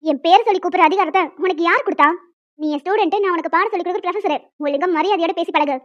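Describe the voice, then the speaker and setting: A woman voicing a stern young female professor who lectures and scolds in an animated story. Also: very high-pitched, very fast, highs cut off. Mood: angry.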